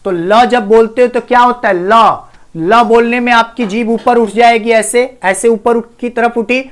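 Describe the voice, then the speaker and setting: A man's voice: very high-pitched, steady tone, moderate pace. A man teaching a Hindi grammar lesson, asking the class questions and repeating each key term. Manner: addresses students as "bhaiya". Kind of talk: classroom-style lesson on a whiteboard.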